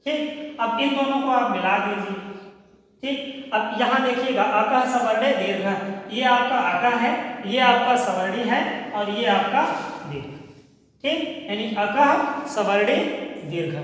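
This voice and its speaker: A man teaching a grammar lesson, explaining step by step, often pausing with "okay" and asking his pupils questions. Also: very high voice, a bit bright. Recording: echoey room from far off.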